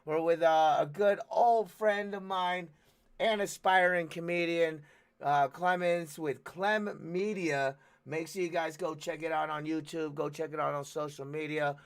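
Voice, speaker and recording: A man from Thailand hosting a casual radio talk show, chatting in a laid-back, drawn-out way. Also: on the high side, smooth. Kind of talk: casual chat.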